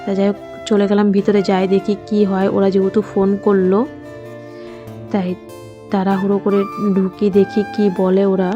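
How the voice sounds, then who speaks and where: A woman's voice: mid-range voice, completely flat delivery, normal speed, long pauses, lo-fi sound, music in the background. A middle-aged woman, a mother chatting casually in her vlog, rambling and heartfelt with many fillers. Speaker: mother and vlogger.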